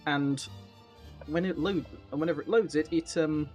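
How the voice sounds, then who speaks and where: A man's voice: fairly high pitch, normal speed, a little mellow, soft background music. A man chatting casually as he hosts a live game stream, speaking into a headset mic.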